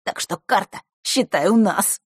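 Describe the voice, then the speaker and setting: A woman's voice: mid-range voice, lively intonation, a little slow, husky, no echo, studio quality, voice pushed up. A woman voicing an eager, teasing boy at summer camp.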